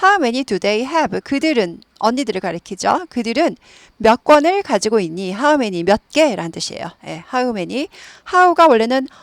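A woman teaching English conversation in Korean, explaining grammar and reading example sentences slowly and carefully, repeating words for drill practice. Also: fairly high pitch, no echo.

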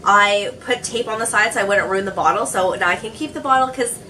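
A woman's voice: mid-range voice, fairly quick, pushed and bright, distant mic, a little hiss or hum, rough recording. A young woman chatting casually as a beauty vlogger, sounding a little sick with a cold and saying "like" a lot. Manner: chatty, says "like" often. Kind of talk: casual chat.

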